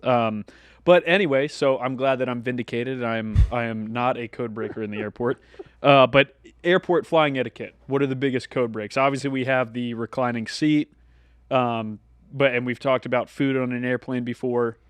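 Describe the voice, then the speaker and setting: A man's voice: medium pitch, normal speed, smooth, no room sound. A man co-hosting a podcast, telling a casual anecdote and acting out the lines of the people in it. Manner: animated anecdote teller who acts out the dialogue. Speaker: podcast co-host. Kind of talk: casual storytelling chat.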